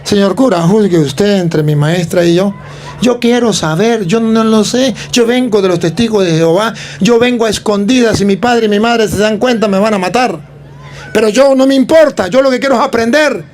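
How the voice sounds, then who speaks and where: A man's voice: sits high, moderate pace, a little mellow, some chatter behind, slight background noise, natural voice. A man voicing an earnest young boy who eagerly pleads and recites scripture, within a sermon. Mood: pleading. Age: child.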